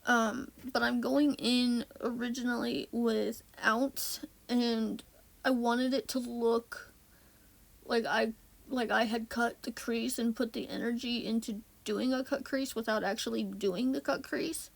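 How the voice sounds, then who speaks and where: Woman doing a chatty voiceover, super gravelly fry, talks slow and rambly, voice kinda off today. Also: fairly high pitch, fairly even intonation. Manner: rambling, self-correcting, lots of ums. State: voice a bit off. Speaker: beauty vlogger. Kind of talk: casual voiceover chat. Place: home, indoors.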